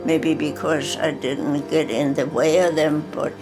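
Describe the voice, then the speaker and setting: A woman's voice: sits low, flat delivery, measured pace, music in the background. A hundred-year-old woman from Denmark, plainly recalling her life in a documentary interview. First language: Danish. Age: 100s. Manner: plainspoken, matter-of-fact reminiscing.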